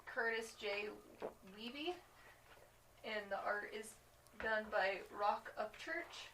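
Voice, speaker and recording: A woman's voice: a little high, lively intonation, slow. A woman co-hosting a casual podcast, chatty and laughing as she recaps a comic book. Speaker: podcast co-host. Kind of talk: casual chat. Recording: distant mic with faint noise.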